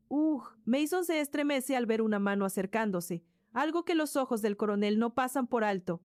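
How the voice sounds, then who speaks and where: A woman's voice: on the high side, darkish tone, no echo, clean studio sound. A woman narrating a story in a scripted way, voicing sound effects like crashes and thuds along the way.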